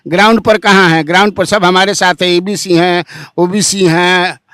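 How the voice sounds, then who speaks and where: A man interviews a politician and presses him with challenging questions. His voice sits high for a man, and the sound is close and dry. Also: fairly even intonation, normal speed, pushed and bright, smooth, no echo. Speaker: interviewer, journalist.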